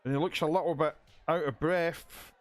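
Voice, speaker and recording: A man giving excitable play-by-play commentary on a wrestling video game, often restarting his sentences. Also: fairly high pitch, moderate pace.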